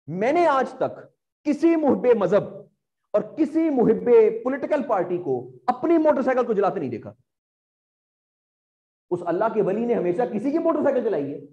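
A man's voice: high voice, darkish tone, dull audio. A man with a Pakistani Urdu accent lecturing exam students as a teacher, asking rhetorical questions and often checking whether they follow.

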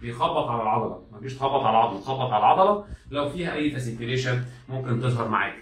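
A man's voice: medium pitch, very fast, far from the mic. An Egyptian man gives a classroom lecture at a breakneck pace, hammering points home by repeating them and acting out the exam steps. He stands away from the mic. The room rings with echo. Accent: Egyptian Arabic. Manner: repetitive, drilling students, acts out exam steps. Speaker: medical lecturer. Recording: echoey room, speaker off-mic.

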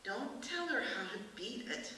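A woman reading as a gruff, monotone policeman. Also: a little high, unhurried, pitched above the performer's own voice, exaggerated voice. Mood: curt. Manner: flat monotone, growling. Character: gruff man policeman, curt and menacing. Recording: echoey room from far off, hiss.

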